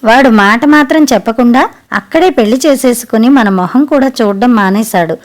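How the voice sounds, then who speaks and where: A woman voicing a loud, shrewish middle-aged mother in a storybook reading, speaking harshly and scolding. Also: on the high side, normal speed, close to an everyday voice. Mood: scornful.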